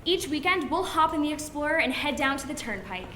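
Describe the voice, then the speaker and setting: High-pitched woman with prim, precise elocution, echoey. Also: expressive, a little fast, pushed and bright. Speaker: student declaimer. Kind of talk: scripted comic monologue recitation to an audience. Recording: noisy, echoey room recording.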